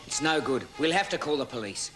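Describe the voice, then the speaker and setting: An actor playing an anxious male producer who tries to calm his cast. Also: fairly high pitch, brisk, echoey room, faint music behind. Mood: worried. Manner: worried, placating.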